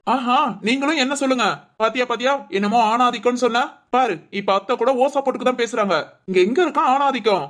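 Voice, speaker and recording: A woman's voice: on the high side, fast talker, hardly any pauses, close to an everyday voice. A woman voicing a boastful, bossy young village husband in a cartoon. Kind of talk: cartoon voice acting.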